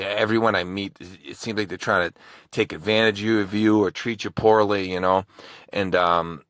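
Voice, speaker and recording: A man's voice: low voice, a bit bright, dry recording. A man who hosts true crime videos, telling a personal story in a casual, rambling way with many restarts.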